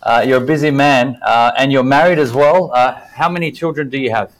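A man hosts a podcast interview in an upbeat, welcoming manner. His voice sits at an ordinary middle pitch, and he sounds keen and encouraging as he puts his questions to the guest. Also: poor audio. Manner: upbeat and welcoming, quick to praise. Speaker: podcast host. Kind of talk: casual interview.

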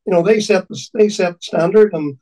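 A man with a Donegal Irish accent reminiscing in conversation, haltingly and often repeating his words. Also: high-pitched, mellow, distant mic. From County Donegal, Ireland.

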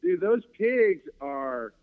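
A slightly higher-pitched man talks in a laid-back, casual way, swearing easily and dropping dude and man into his lines. His voice comes through dull, lo-fi audio. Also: very animated, slow pace. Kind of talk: casual chat.

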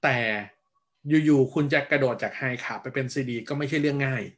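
A man talks through diet advice at a steady, measured pace, keeping a middle pitch. He explains patiently and ends his sentences with polite particles. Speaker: health guest.

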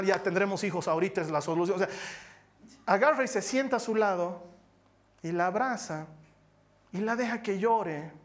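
Lively, joking male preacher. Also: high-pitched. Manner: lively, humorous storytelling, swings between loud and soft. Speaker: pastor. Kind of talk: sermon.

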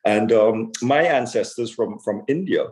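A store owner from Trinidad and Tobago answers interview questions conversationally, speaking haltingly and repeating words while searching for the right phrasing. His voice is fairly low, animated, and a little mellow.

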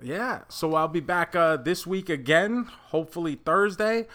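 Bright, slightly high-voiced male podcast host. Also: a little slow. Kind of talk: casual podcast chat.

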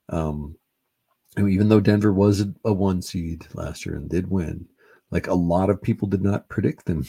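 A middle-aged man hosting a solo sports podcast, rambling in a relaxed way with many fillers, a little high. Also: gravelly, husky. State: high on cannabis. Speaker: podcast host.

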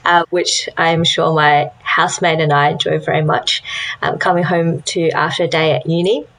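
A young Australian woman co-hosts a podcast, chatting casually in a friendly, upbeat way with lots of ums. Her voice is low-pitched and fairly bright, with a steady tone at normal speed. The audio quality is poor.

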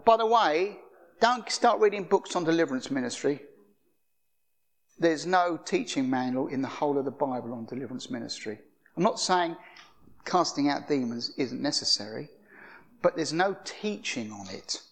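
An older man preaching with a fairly high, lively voice. He tells personal stories in a loose, conversational sermon style and often restarts his sentences. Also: moderate pace, creaky. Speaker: guest preacher. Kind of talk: anecdotal sermon.

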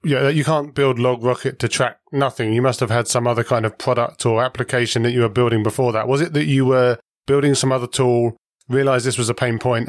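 A man's voice: mid-range voice, dry recording, studio quality. A man hosting a podcast, reading a playful scripted intro and then asking questions in a joking way. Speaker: podcast host.

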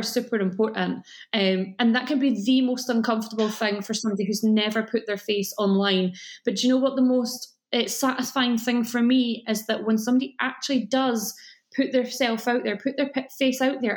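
A woman's voice: on the high side, steady tone, moderate pace. A woman with a broad Scottish accent chatting casually as a podcast guest, giving encouraging, emphatic advice. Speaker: guest, cake business coach.

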